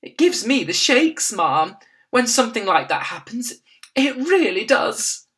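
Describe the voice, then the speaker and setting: A woman's voice: on the high side, big pitch swings, unhurried, a bit bright, voice pushed up. A woman voicing a fussy, plain-spoken middle-aged maid who speaks in a deferential, flustered, homely way. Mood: anxious.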